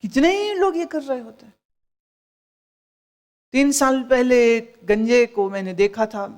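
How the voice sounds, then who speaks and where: A woman's voice: a little high, measured pace, darkish tone. A woman spiritual teacher giving a discourse, scolding with rhetorical questions and dropping in English phrases.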